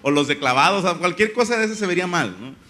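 A man's voice: sits high, animated, quick pace, pushed and bright. A young man from Monterrey, doing a rambling, crude stand-up monologue full of slang. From Monterrey, Mexico. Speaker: comedian.

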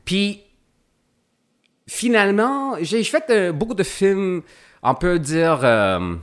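A man's voice: high voice, big pitch swings, takes it slowly. A middle-aged English-speaking Canadian man, a guest actor, speaking French in a casual podcast interview with many fillers and restarts.

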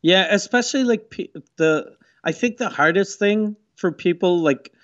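A man's voice: high-pitched, moderate pace, fairly bright tone, lo-fi sound. A man chatting casually on a podcast, blunt and profane. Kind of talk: casual chat.

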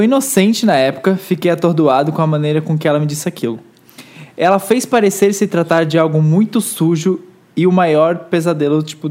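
A man's voice: fairly high pitch, a little mellow. A man co-hosting a casual podcast, joking around and reading a listener's email aloud. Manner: jokey, teasing. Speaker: podcast co-host.

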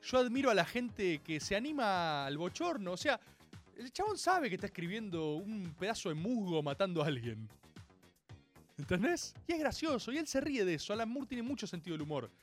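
An Argentine man talks with mounting excitement, his pitch swinging widely from low mutters to loud shouts. He speaks in a slangy, animated monologue, with soft music behind him. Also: moderate pace. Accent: Argentine Spanish. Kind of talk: passionate comic-book monologue.

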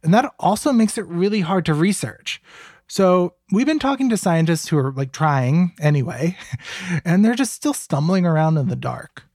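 A man's voice: high-pitched, lively intonation, moderate pace, a little mellow, dry recording, clean studio sound. A man chatting casually in an interview as a science reporter.

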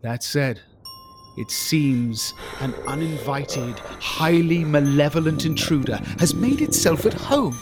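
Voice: mid-range voice, expressive, takes it slowly, over music. A storyteller giving a campy, melodramatic comic narration of a gruesome tale.

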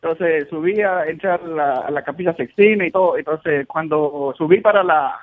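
High-voiced man on a muffled call. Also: moderate pace. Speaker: call-in guest. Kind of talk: casual travel anecdote. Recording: muffled band-limited call audio.

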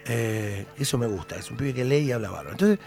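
A man's voice: mid-range voice, expressive, quick pace, creaky, darkish tone, soft background music. A middle-aged man with an Argentine Spanish accent, a singer chatting as a radio guest, telling stories with animation and trailing off into hesitations. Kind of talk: casual radio interview chat.

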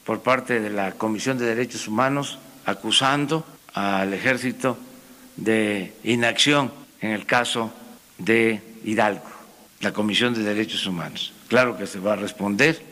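Male news reader, low pitch, bright tone, matter-of-fact. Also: measured pace. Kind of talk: news report.

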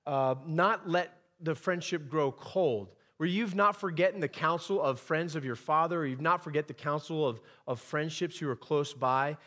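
A man's voice: a little high, a bit bright. Conversational man preaching a sermon. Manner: conversational, acts out quoted voices. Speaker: guest preacher.

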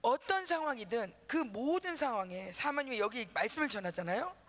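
A pastor's wife telling a lively story to children in a sermon, acting out voices as she goes. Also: on the high side, brisk. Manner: lively, acts out voices, talks to kids.

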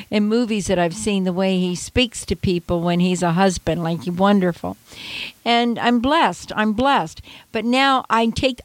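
A woman's voice: medium pitch, no echo. An older woman from Canada, a radio interview guest, telling stories with energy and acting out her younger self. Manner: animated storyteller who acts out her past self, laughs often.

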